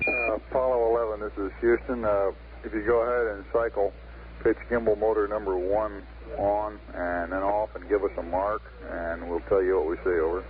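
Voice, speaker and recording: Male space-radio communicator, low voice, hesitant procedural calls on a thin, noisy 1960s radio link. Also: fairly even intonation, narrow, tinny audio. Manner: hesitant, halting procedural phrasing. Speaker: mission control radio communicator. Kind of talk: astronaut radio procedure talk.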